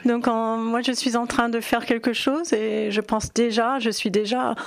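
A woman's voice: fairly high pitch, level tone, unhurried, vocal fry, no echo. A middle-aged woman from New York with an American accent, speaking French in a radio interview, hesitant with many fillers and restarts. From New York, United States. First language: English. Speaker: painter.

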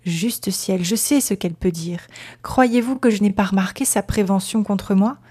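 A woman's voice: medium pitch, moderate pace, a little mellow, breathy edge, dry recording, studio quality, close to an everyday voice. A woman reading a novel aloud, voicing a stern young husband who gives firm, clipped commands.

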